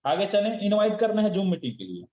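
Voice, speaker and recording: A man with a high voice runs a motivational sales training. He scolds his listeners, fires off rhetorical questions and chuckles between points. His voice rings around an echoey room. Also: big pitch swings, fairly quick, darkish tone. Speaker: network marketing trainer.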